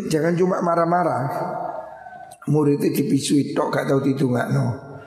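Middle-aged East Javanese cleric, gravelly, folksy, joking; kitab study sermon in a reverberant hall. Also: male voice, a little high, unhurried, a little mellow. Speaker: Islamic cleric teaching a hadith book. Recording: echoey hall recording.

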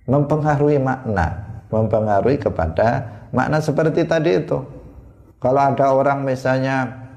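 A man teaching a religious study lesson, explaining patiently with repeated examples and slowing to spell out Arabic sounds. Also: medium pitch, darkish tone. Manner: slows down to spell out Arabic pronunciations. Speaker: Islamic teacher.

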